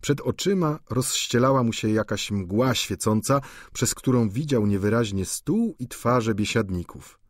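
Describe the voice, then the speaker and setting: Male audiobook reader, measured literary narration, animated intonation, dry studio. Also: mid-range voice, no echo. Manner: expressive, measured literary reading. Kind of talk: scripted narration.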